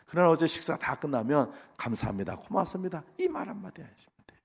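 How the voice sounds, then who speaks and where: A middle-aged male pastor preaching a sermon, animated, swinging between loud exhortation and soft asides. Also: on the high side, fast, gravelly, breathy edge. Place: large church sanctuary. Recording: long reverb of a large hall.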